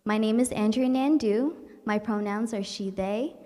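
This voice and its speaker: A woman's voice: a little high, moderate pace, mellow, long reverb tail. A young woman from New York hosting a virtual community event, speaking in an earnest, upbeat and welcoming way. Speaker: event host. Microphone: livestream setup.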